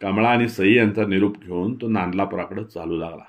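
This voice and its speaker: A man reading a novel aloud in a measured, expressive storytelling manner. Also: low voice. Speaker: audiobook reader.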